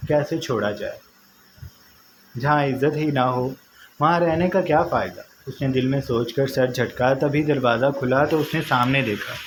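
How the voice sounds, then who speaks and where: A man reading a romance novel aloud in steady scripted narration. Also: mid-range voice. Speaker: novel reader. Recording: noisy home recording.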